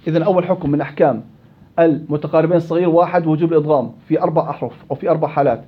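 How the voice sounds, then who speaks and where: A man teaching a classroom tajweed lesson, quizzing his students with quick questions. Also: fairly high pitch, husky. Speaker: Quran recitation teacher. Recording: dull lo-fi classroom recording.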